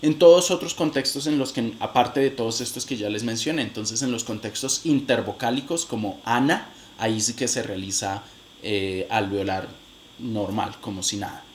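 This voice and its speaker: A man's voice: lowish voice, moderate pace, a little hiss or hum. A man giving a recorded phonetics lecture, demonstrating sounds aloud and talking straight to his viewers, with frequent hesitant restarts. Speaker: phonetics teacher.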